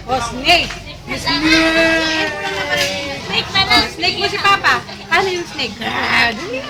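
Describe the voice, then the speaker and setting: High-pitched coaxing woman on a busy street. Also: animated, takes it slowly. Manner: coaxing, playful prompting. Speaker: parent filming her child. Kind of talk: home video, coaxing a toddler. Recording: loud street noise and crowd chatter.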